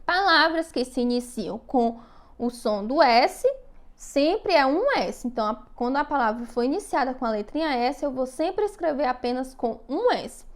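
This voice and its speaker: A woman's voice: high-pitched, expressive. A woman teacher giving a recorded lesson to young children, speaking patiently, stretching out syllables and often checking in with her listeners. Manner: slow, patient, drawn-out syllables with frequent check-in questions.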